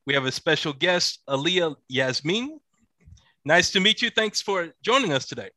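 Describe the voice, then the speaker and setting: A man's voice: a little high, animated, normal speed, bright, forceful tone, no room sound. A man hosting a podcast interview, asking short questions in a casual tone. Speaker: podcast host.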